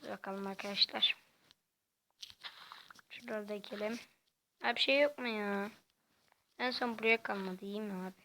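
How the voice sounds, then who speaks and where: A woman giving casual, quiet gameplay commentary in a soft, halting way. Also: mid-range voice, steady tone, a little hiss or hum. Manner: talks quietly and softly; halting, hesitant delivery. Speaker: gaming channel host.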